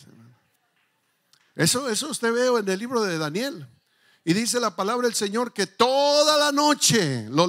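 A man's voice: sits high, a bit bright. A male pastor preaching a fervent church sermon, calling out to the congregation.

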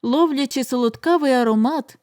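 Female audiobook narrator, slightly high voice, measured and dramatic delivery. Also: a little mellow. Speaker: audiobook reader.

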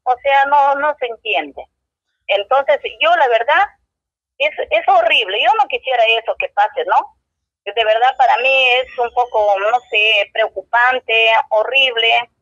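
A Peruvian Spanish woman who owns a local shop is interviewed on the street, rambling indignantly and restarting often. Her voice is a little high, slightly slow and a bit bright, captured in a dull, dry, lo-fi recording with no room sound.

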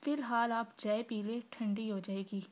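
A woman reading the part of a calm young wife who speaks softly and steadily in a storybook novel. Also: fairly high pitch, measured pace, natural voice. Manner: soft, composed.

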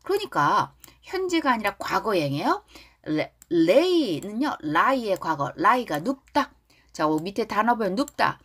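Slow, lively-voiced woman teaching lyrics. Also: medium pitch. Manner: drawls lyric lines slowly for repetition, then explains quickly. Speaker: English teacher. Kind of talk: pronunciation lesson on song lyrics.

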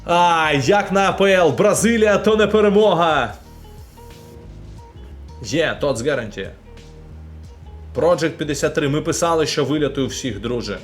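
A man's voice: a little high, unhurried, long pauses, soft background music. A young man from Ukraine casually commenting live while opening game packs and talking to his chat. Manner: chatty, animated, talks to chat.

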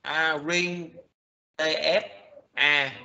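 A male lecturer explains code slowly, filling pauses with hesitant sounds and restarting his sentences. His voice is bright and forceful, and the recording is dull and lo-fi. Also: fairly high pitch, steady tone, creaky. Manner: halting, many fillers and restarts. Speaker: programming lecturer.

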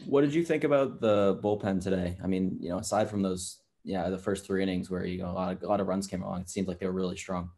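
A man's voice: sits low, steady tone, fast talker, hardly any pauses, mellow. A young man, a student reporter, asking a coach rambling questions. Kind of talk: press conference question.

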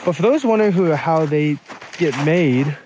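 A young man with a slightly high, somewhat mellow, expressive voice narrates a casual travel vlog at normal speed, sounding matter-of-fact and informative. He's outdoors at a snowy canyon overlook, filming on a phone at arm's length, with slight background noise.

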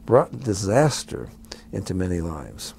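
A man talking in an interview, animated and folksy, with laughing asides. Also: deep voice, unhurried, creaky, music in the background.

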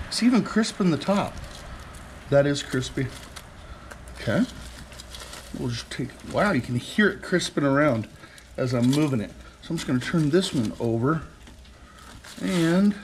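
A man's voice: on the high side, a little hiss or hum. A man in his forties hosting a cooking show, chatting enthusiastically to viewers as he cooks in a kitchen. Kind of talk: casual cooking demonstration. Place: home kitchen studio, indoors.

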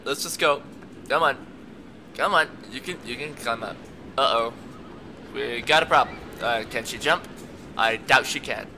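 A young man giving let's play commentary, excitable and talking to the game's characters as he plays. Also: medium pitch, a little slow, pauses often, background noise. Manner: excitable, talks to the game characters, laughs a lot. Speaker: gamer.

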